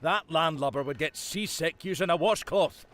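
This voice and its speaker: A man's voice: fairly high pitch, normal speed, fairly bright tone, lightly acted. A man voicing a brash, bird-loving ferry captain with a Scottish accent, in a game. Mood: grumbling. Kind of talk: voiced game dialogue.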